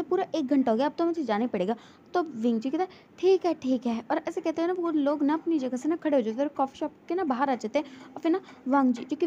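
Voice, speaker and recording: A woman's voice: high voice, dark tone. A woman casually narrating a fan fiction story, quoting each character's lines in turn. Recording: dull lo-fi audio with faint noise.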